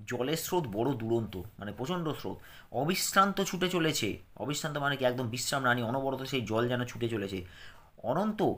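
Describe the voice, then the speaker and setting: A man's voice: medium pitch, fairly bright tone. A male teacher who reads a children's textbook aloud, reciting the verse rhythmically and then explaining its words simply to young pupils.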